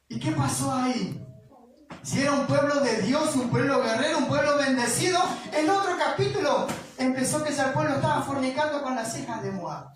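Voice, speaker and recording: Woman, Argentine accent, sermon, casual storytelling, fairly high voice, heavy hall echo. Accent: Argentine Spanish. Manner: retells a scripture story casually, with chuckles and asides. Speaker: preacher. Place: church hall. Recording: echoey church hall, distant mic, congregation. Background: congregation answering amen.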